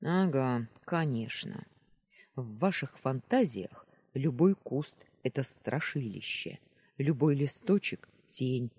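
Man doing a grumpy young guard, barked commands, husky dark voice, pitch swinging wide, slow and heavy. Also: expressive. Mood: scornful. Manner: barking military orders. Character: stern young male sentry, irritable, bossy.

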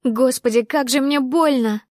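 A heartbroken young woman, as a female narrator puts her on, pouring out raw, emotional lines. The recording is close and dry, her pitch in a plain middle range. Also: fairly even intonation, moderate pace, a little mellow, no echo, natural voice. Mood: screaming, anguished. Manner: emotional outbursts. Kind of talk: audiobook character voice.

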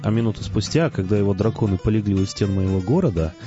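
A man narrates a story in the first person with a measured, quietly wry delivery. His voice sits low and sounds warm and mellow. The recording is slightly dull, with faint music playing underneath. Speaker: audiobook narrator.

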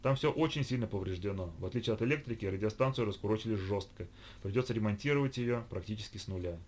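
A man reading a storybook, voicing a gruff middle-aged captain who answers in short, grumbling lines. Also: on the low side, fast talker, darkish tone, slight background noise, close to an everyday voice. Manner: curt, grumbling.

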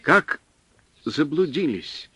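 A man reading an audiobook, voicing a panicky, whining male supply clerk who shouts in a shrill, complaining way. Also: sing-song, slow pace, husky, dry recording, full character voice. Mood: irritated. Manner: shrill, complaining, near hysteria.

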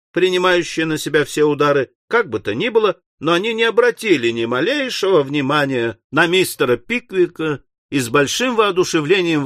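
A man narrating an audiobook in a measured, theatrical read. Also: a little high, fairly bright tone, no room sound, studio quality. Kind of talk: scripted narration.

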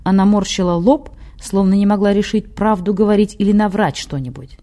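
Woman, audiobook narration, measured storytelling, mellow dark tone. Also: mid-range voice.

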